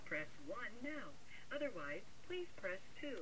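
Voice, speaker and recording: A woman's voice: medium pitch, sing-song, a little slow, a crowd in the background. A woman speaking as a recorded phone message, giving polite scripted prompts for an automated phone system. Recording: dull phone line.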